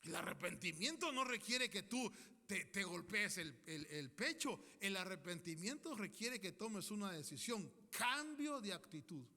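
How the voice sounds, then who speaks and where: A man preaches a sermon in a church hall with a long, ringing reverb. His voice sits high and swings widely in pitch, with a bright, forceful edge. He talks emphatically, leading the congregation in declarations. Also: big pitch swings, a little slow. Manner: emphatic, leads congregation in declarations, acts out quoted people.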